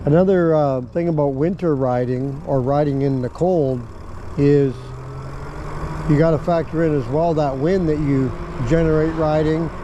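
A middle-aged man chatting casually in a vlog as he rides an e-bike down a residential street, musing and relaxed with plenty of fillers. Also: fairly high pitch, moderate pace, lo-fi sound. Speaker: e-bike vlogger. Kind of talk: casual vlog narration while riding. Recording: outdoor street traffic noise.

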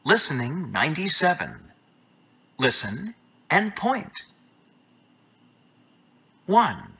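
A man's voice: fairly high pitch, big pitch swings, slow, bright, forceful tone, breathy edge. A man announcing track numbers and instructions on a textbook listening track. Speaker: course audio announcer. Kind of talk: scripted textbook audio.

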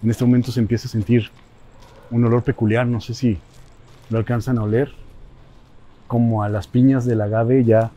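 A man with a Mexican accent, hosting an exploration vlog and giving hushed, cautious commentary as he walks through a large abandoned building. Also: medium pitch, little pitch movement, normal speed, long pauses. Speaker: host, explorer.

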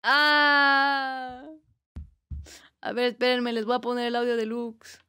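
High, smooth-voiced Mexican woman streamer. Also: completely flat delivery, a little fast. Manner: playful teasing, bursts of squealing laughter. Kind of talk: casual live-stream chat, reading chat aloud.

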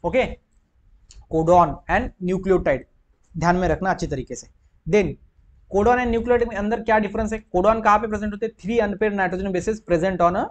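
Indian male tutor with a high voice, quizzes the class and answers himself, mixed Hindi-English. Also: steady tone, muffled recording. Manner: mixes Hindi and English, quizzes listeners with quick questions then answers. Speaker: biology teacher. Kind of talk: exam question walkthrough.

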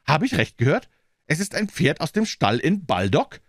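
A man voicing an eager young woman who fires off quick, urgent questions. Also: very animated, husky, no echo, clean studio sound, exaggerated voice. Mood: alarmed. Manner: raised pitch, urgent questions.

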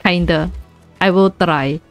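A woman's voice: on the low side, slow, faint music behind. A young woman with a Chinese accent, a streamer chatting casually and playfully while she plays, giggling and repeating words in bursts. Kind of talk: casual gaming chat.

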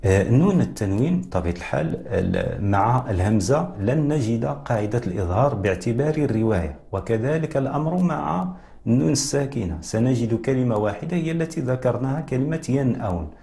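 A man hosting a televised lesson on Quran recitation, explaining rules in a measured way and addressing viewers directly. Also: medium pitch, animated, gravelly, warm tone. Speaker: Quran recitation teacher, TV host.

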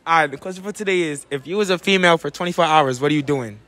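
A teenage boy interviewing classmates in a loud school cafeteria, laughing often and repeating his question into a phone. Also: fairly high pitch, rapid-fire. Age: teens. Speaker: street-style interviewer. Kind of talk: casual hype interviewing. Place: school cafeteria and auditorium, indoors. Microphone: phone held out to guests. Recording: loud chatter and hip hop music behind.

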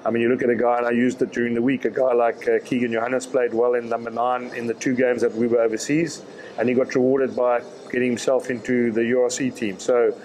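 A man, answering reporters' questions at a post-match press conference in a measured way, often repeating words as he thinks. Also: mid-range voice, little pitch movement, darkish tone, slight background noise, rough recording. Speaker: rugby director of rugby.

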